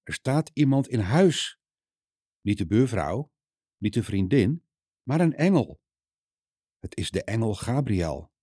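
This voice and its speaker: Male reader for a children's Bible story; low, mellow voice and an unhurried, gentle delivery. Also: big pitch swings, dry recording, studio quality. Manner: slow, gentle, addressing children directly.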